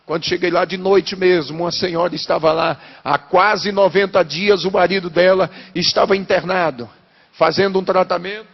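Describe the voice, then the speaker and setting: A pastor with a husky, raspy edge tells his testimony as a sermon. His voice runs high and gravelly. It carries through a reverberant hall on a muffled, lo-fi recording. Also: fairly even intonation, normal speed. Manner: storytelling, building to shouted fervor.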